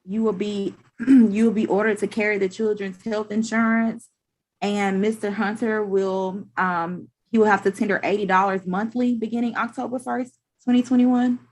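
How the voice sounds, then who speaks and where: A woman speaking as a state's attorney in a formal, halting, procedural way on a video call. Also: medium pitch, steady tone, darkish tone, rough recording. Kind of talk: formal courtroom questioning.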